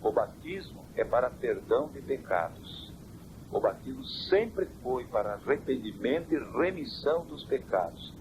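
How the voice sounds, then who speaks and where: The interview answers come from a church elder whose mid-range voice has a measured, preaching cadence. Heavy hiss runs through the old, worn cassette tape he was recorded on.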